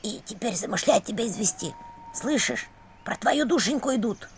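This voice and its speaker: A woman doing a hushed old house spirit. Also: a little high, lively intonation, moderate pace, a little hiss or hum, lightly acted. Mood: confiding. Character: old male house spirit, secretive and warning.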